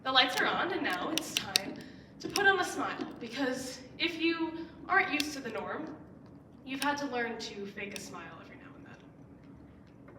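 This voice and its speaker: Heard from a distance with roomy echo and background noise, a young woman in her late teens delivers a persuasive speech on a school stage. Her high voice is very animated and moderately paced, and she earnestly stresses key words with emphatic upward rises.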